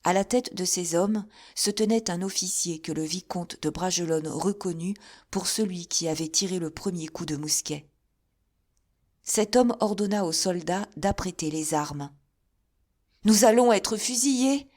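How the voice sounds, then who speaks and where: A woman narrating a classic novel as an audiobook in a measured, deliberate way. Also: fairly low pitch, darkish tone. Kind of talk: scripted narration.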